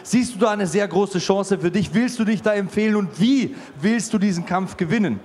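A man's voice: sits high, normal speed, darkish tone. A man in his forties hosting fight interviews, talking fluently and promotionally into a handheld mic at an indoor fight venue. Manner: fluent, promotional, hype-building. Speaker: host and commentator.

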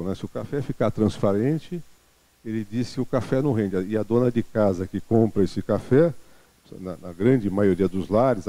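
A man's voice: fairly low pitch, warm tone, dry recording. A man in his sixties from Brazil gives a seminar talk on a handheld mic, conversational and full of fillers and restarts. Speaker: lecturer. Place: small lecture room with seated audience.

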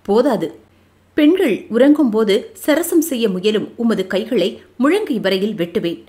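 A woman's voice: on the high side, animated, measured pace, dark tone. A woman voicing a stern, menacing young male army commander in an audio novel, speaking with a cold threatening tone.

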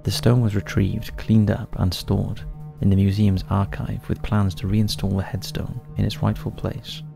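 A man's voice: lowish voice, level tone, moderate pace, creaky, music in the background. A man narrating a scripted countdown of eerie forest stories in a somber storytelling manner.

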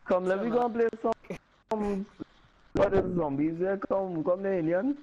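A young man teasing his friends loudly in a casual gaming voice chat. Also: high voice, fairly even intonation, normal speed. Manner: loud, teasing, trash-talking. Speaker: gamer in party chat. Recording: muffled voice chat with loud background noise.

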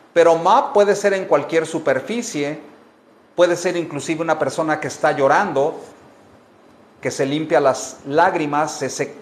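Slow, patient male English teacher. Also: fairly high pitch. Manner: repeats phrases slowly, explains in Spanish. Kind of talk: bilingual language lesson. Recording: echoey room.

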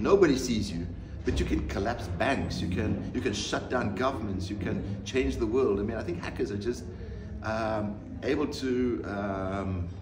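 A man in his fifties from South Africa, an artist answering interview questions in a measured, reflective way with pauses and restarts. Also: medium pitch. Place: room with bookshelves, seated in leather armchair. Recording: roomy, distant mic, audible background noise.

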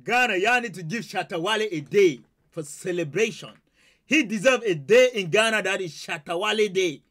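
A man's voice: high voice, moderate pace, fairly bright tone. A man in his thirties hosting a reaction video, laughing and talking straight to his viewers from a small home studio on a headset mic. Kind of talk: excited reaction commentary. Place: small home studio with purple lights, indoors.

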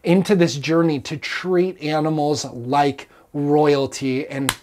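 A man's voice: a little high, fairly even intonation, slow pace, a little mellow. Earnest man preaching to camera. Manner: earnest, emphatic, gesturing widely. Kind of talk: impassioned teaching to camera. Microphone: lapel mic.

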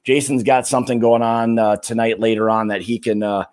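A middle-aged man hosting a casual livestream from a home bar, talking in a relaxed, rambling way with lots of fillers. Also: mid-range voice, a little fast. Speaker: livestream host. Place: home bar room lined with bottles.

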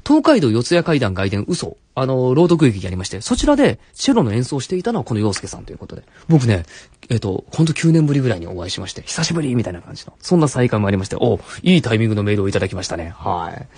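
A man's voice: mid-range voice, big pitch swings, fast, a little mellow, breathy edge, no room sound. A man hosting a live late-night radio show in a studio, talking chattily with many fillers and self-corrections. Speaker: radio host. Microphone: studio microphone.

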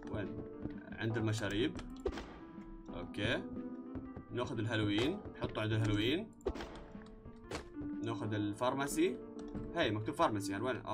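Frantic man yelling over game music. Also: medium pitch. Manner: frantic, shouting in panic, then muttering calmly while sorting. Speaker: gaming YouTuber. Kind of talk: horror game let's play commentary.

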